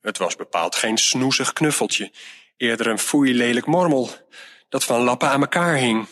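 A man reads a storybook aloud in a calm, even way. His voice is bright and forceful and sits at an ordinary pitch. The delivery is steady throughout. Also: normal speed. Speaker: narrator. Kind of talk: storybook reading.

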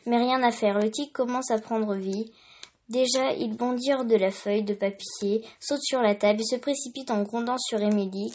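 A woman reads a children's storybook aloud, steady and expressive. Her voice sits a touch high, with a faint hiss behind it. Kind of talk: storybook reading.

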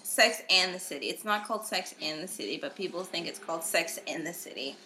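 A woman's voice: lowish voice, quick pace, sharp tone, a little hiss or hum, low-quality recording. A woman co-hosting a casual podcast, rambling and giggly, correcting herself as she goes. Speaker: podcast co-host.

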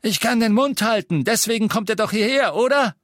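A man voicing a gruff, defiant old male innkeeper wizard who bellows scornfully at his enemies. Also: mid-range voice, lively intonation, slow pace, no echo, clean studio sound. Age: older.

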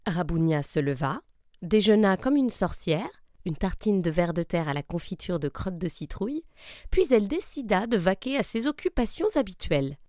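A woman narrating a children's story, expressive and lively. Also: fairly low pitch, fairly quick, no room sound, clean studio sound. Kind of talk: storybook reading.

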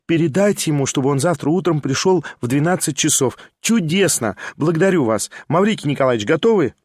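A male reader voicing an impulsive, lively young woman in an audiobook, talking in excited, emotional bursts. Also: fairly high pitch, husky, dry recording, clean studio sound, pitched above the performer's own voice. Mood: eager. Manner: excited, rushing, emotional exclamations. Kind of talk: audiobook character voice.

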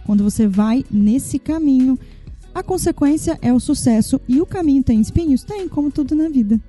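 A woman's voice: high voice, animated, normal speed, mellow, soft background music. A woman, guest on a casual podcast, giving earnest advice to parents.

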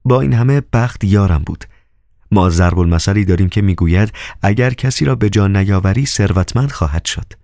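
A man's voice: fairly low pitch, creaky, darkish tone, no echo, clean studio sound, voice pushed up. A man voicing a proud, cold young woman with a biting, teasing manner in an audiobook. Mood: cold, haughty. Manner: biting, haughty, coquettish. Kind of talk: audiobook character voice.

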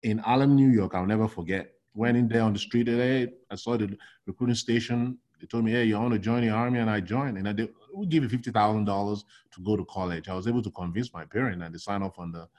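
A middle-aged Nigerian logistics consultant talks casually in an interview, animated and fast, with a fairly low voice. His speech is full of restarts and "you know".

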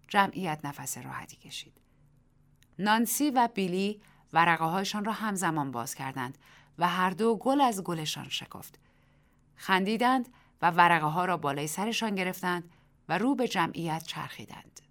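A woman reading a short story aloud as the narrator of a radio program, measured and expressive. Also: lowish voice.

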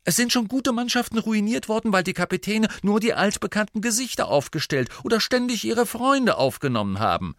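A man voicing a frank, sporty teenage girl with a high, emphatic delivery. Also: sing-song, a little fast, few pauses, fairly bright tone, no echo, heavily acted. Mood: earnest.

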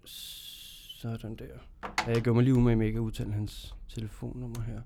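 A man's voice: medium pitch, little pitch movement, creaky, background noise. A man hosting a casual radio show, joking around with a co-host and setting up prank phone calls. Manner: joking, playful, laughs often.

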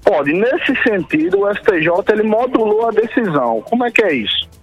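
A man's voice: high voice, sing-song, no room sound. A man, a consumer protection official, speaking formally and patiently over a landline phone in a radio news interview. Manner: formal, explanatory, measured. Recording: muffled phone line with music bed.

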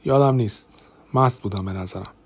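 A man's voice: lowish voice, fairly even intonation, a little mellow, husky. A man voicing a jealous, menacing older brother-in-law who dodges and then threatens, in an audiobook. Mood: evasive. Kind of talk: audiobook character voice.

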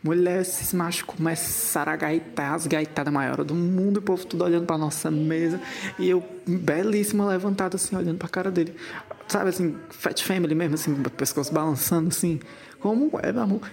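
A woman's voice: steady tone, brisk, gravelly, a little mellow. A woman telling a story with dramatic, sassy flair. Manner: dramatic, sassy, quotes herself in high voice. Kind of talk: animated storytelling.

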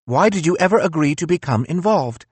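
A man's voice: a little high, animated, brisk, slightly rough, no echo, pitched above the performer's own voice. A man voicing a proud male philosopher weakened by a migraine, intense and accusing in a weak voice. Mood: probing. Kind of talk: audiobook character voice.

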